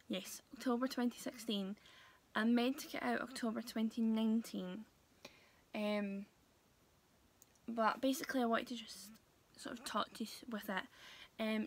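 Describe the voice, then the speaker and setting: A young woman talking casually to her viewers in a vlog, hesitant and full of pauses and fillers. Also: fairly high pitch, a bit bright. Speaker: vlogger. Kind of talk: casual vlog talk to camera.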